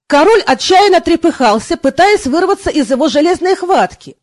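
High-voiced woman reading an audiobook. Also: expressive, normal speed, darkish tone, no room sound. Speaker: audiobook reader. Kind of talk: scripted narration.

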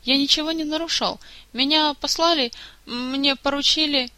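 A man's voice: expressive, a little fast, bright, forceful tone, no echo, exaggerated voice. A narrator voicing a timid, emotional young man who pleads in a raised, tearful voice, in an audiobook. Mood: pleading. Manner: pleading, tearful, higher pitched.

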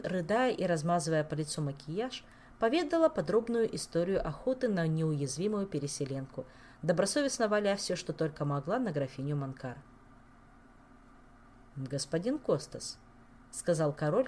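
A woman reads a fantasy novel aloud in an expressive audiobook narration. Her voice is low and her pitch moves in lively arcs as she tells the scene dramatically. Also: fairly quick, a little hiss or hum. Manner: dramatic, storytelling. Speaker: audiobook reader.

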